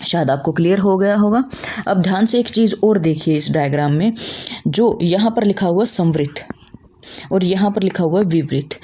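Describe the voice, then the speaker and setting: A young woman teaches an online class in a low, mellow voice. She works through the material step by step, asking a question and then answering it. She calls her students children. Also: normal speed, slightly rough. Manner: explains step by step, asks and answers own questions.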